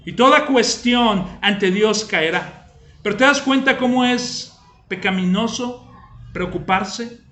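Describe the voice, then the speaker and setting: Brief: a male pastor with a high voice preaching conversationally in a roomy hall. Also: slow pace, sharp tone, slight background noise. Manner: conversational, asks listeners rhetorical questions. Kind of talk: sermon.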